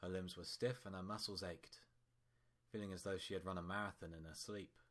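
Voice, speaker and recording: Telling a fictional story from a script, this male narrator speaks in a low, deep voice. His tone stays steady and fairly bright, and he reads at a brisk clip.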